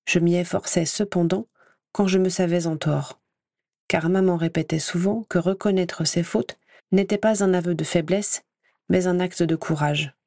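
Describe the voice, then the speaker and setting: A woman reading a first-person story aloud in a measured, clear storytelling manner. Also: lowish voice, fairly even intonation, darkish tone, no echo, studio quality. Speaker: audiobook reader.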